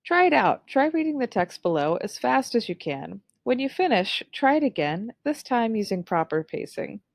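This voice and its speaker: A young adult woman giving an online lesson on public speaking, with a clear, upbeat instructional delivery. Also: on the high side, big pitch swings, moderate pace, a little mellow, no echo.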